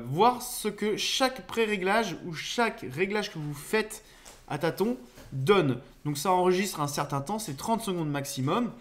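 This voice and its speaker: High-voiced French man explaining software. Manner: explanatory, hesitant with many fillers. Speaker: tech YouTuber reviewing a microphone. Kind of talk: casual screen-share tutorial. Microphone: USB desk microphone under test.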